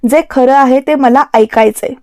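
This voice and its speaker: A pressing, hurt young husband in a spoken love story, his voice raised as he demands answers, read by a woman. The voice sits high yet mellow, recorded close and dry. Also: fairly even intonation, normal speed, no room sound. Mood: upset, pressing. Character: young married man, insistent and hurt.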